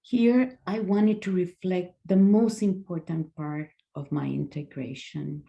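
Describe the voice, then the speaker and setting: A Chilean woman in her sixties gives a talk over a video call in a low, gravelly voice. She speaks slowly with a mellow tone, pausing often with fillers and restarting her sentences. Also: lo-fi sound. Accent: Chilean Spanish. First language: Spanish. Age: 60s. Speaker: guest speaker. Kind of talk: presentation talk.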